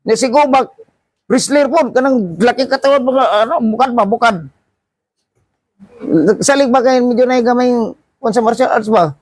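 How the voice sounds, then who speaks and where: A middle-aged man tells a story from his working life in a high voice, acting out the shouting parts. He often restarts his sentences as he goes. The recording is dry and close, with no room sound. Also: moderate pace, pauses often, dry recording. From Philippines. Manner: animated anecdote with acted-out shouts and frequent restarts. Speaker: seafarer vlogger. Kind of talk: casual storytelling.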